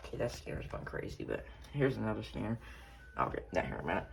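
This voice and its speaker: A radio collector gives a casual, hands-on show-and-tell of his collection, halting and rambling and often correcting himself. His fairly low voice is creaky with big pitch swings, recorded in a noisy room with clicks.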